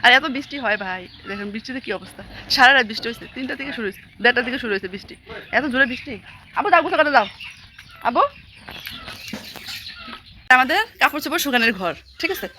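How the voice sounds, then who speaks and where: A young woman vlogging casually from her rural home, a little hoarse, chatting quickly and cooing at a small child. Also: sits high, lively intonation, slight background noise. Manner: rapid chatty talk, coos loudly at a small child. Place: rural home, indoors and yard.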